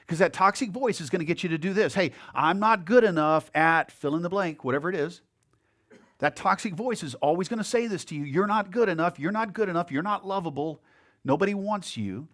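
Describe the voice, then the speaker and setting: A man's voice: a little high, a bit bright. A male pastor preaching a conversational sermon in a church, with casual asides to the congregation. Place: church sanctuary. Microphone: handheld or headset mic.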